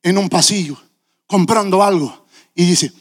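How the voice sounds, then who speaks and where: A man preaching a sermon with passion, his delivery building up to shouting. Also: sits high, a little slow.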